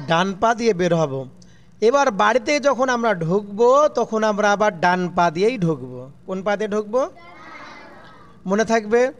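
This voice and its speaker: A man's voice: high-pitched, a bit bright. A man teaching children a religious lesson, asking questions and answering them himself in a falling tone, call-and-response style.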